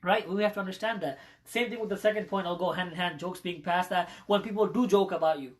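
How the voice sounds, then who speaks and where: A man's voice: high-pitched, fast. A man teaching an informal Islamic ethics class in a conversational way, often checking in with "right?" and acting out the voices of critics. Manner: acts out quoted voices of critics.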